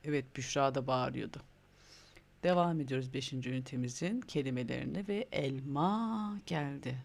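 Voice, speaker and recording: A man teaching English words to young children in a recorded online lesson, speaking with a Turkish accent and warmly prompting them to repeat after him. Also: mid-range voice, normal speed, vocal fry. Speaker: primary school English teacher.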